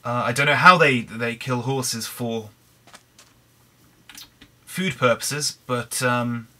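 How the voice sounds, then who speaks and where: A young British man with a hoarse, croaky throat, chatting in a rambling way over a Minecraft let's play. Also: mid-range voice, slow pace, bright, forceful tone. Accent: British English. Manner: rambling, chatty, frequent restarts. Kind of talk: casual gameplay commentary.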